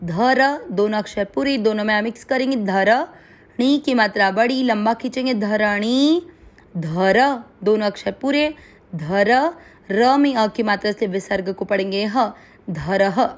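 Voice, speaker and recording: A woman with a Hindi accent teaching Sanskrit pronunciation, breaking words into syllables and drilling them slowly and carefully. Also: mid-range voice. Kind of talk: pronunciation lesson.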